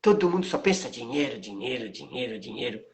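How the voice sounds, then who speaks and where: A man voicing an older Japanese male aikido master who sounds gruff and weary, grumbling low and slow. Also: very animated. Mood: weary, bitter.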